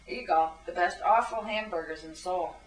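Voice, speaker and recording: Brash chatty woman teacher voiced by a man, high breezy voice, friendly and blunt, roomy distant sound. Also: normal speed, close to an everyday voice. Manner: breezy, swears casually.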